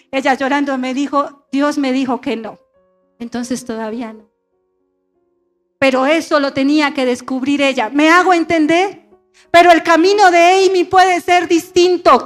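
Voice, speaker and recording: A middle-aged woman pastor preaching a sermon and calling on her congregation to repeat phrases after her. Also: high-pitched. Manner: call-and-response preaching, asking the congregation to repeat. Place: church sanctuary.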